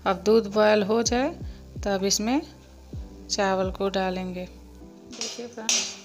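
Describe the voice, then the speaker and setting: A woman hosting a cooking channel, talking viewers calmly through a recipe step by step in a voice-over. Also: mid-range voice, slow. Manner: calm step-by-step explaining, addresses viewers as friends. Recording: echoey room with music behind.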